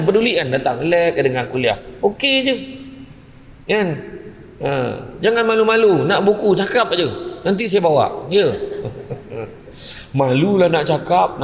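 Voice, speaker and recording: Malaysian preacher guy, kinda high voice, lively stories, echo hangs in the hall. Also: a little hiss or hum. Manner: animated storytelling, jumps high for effect, asks "kan?" often. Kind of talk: lively sermon with anecdotes. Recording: long hall reverb.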